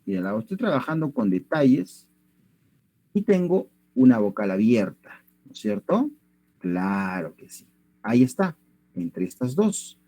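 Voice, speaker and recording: A man's voice: mid-range voice, sing-song, a little slow, mellow, no room sound. A male teacher giving an online language lesson over a computer mic, going step by step and checking that students follow. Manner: patient, step by step, keeps checking understanding.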